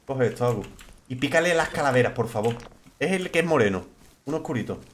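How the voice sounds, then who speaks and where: A young man with a Spain Spanish accent, streaming a game in loud, excitable, crude banter. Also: medium pitch, quick pace, a little hiss or hum. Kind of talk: casual gaming stream banter.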